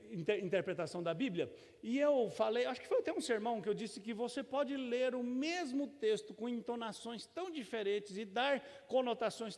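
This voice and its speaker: A middle-aged Brazilian man preaching a sermon as pastor, folksy and conversational, with touches of humor and frequent tag questions. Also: very high voice. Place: church sanctuary. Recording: long church reverb.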